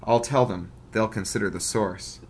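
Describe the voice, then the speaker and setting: A man's voice: lowish voice, normal speed, a little hiss or hum, close to an everyday voice. A man voicing a calculating schoolboy who puts on a whiny, petulant tone. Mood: calm. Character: scheming schoolboy, calculating, feigning fear.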